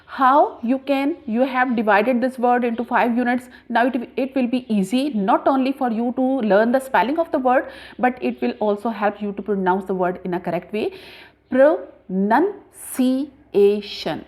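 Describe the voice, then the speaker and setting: A woman teaching a grammar lesson patiently, spelling words out letter by letter with frequent pauses. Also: fairly high pitch. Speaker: English teacher.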